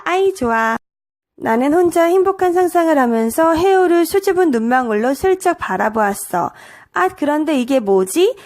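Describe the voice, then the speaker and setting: A woman's voice: high-pitched, darkish tone. A woman reading a children's storybook aloud at bedtime, giving the characters lightly changed voices.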